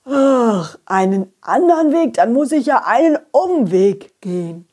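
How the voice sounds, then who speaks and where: Woman as a lonely male donkey, husky, lively in pitch, drawn-out sighs. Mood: glum. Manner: sighing and hesitant. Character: lonely, plodding male donkey hauling apples.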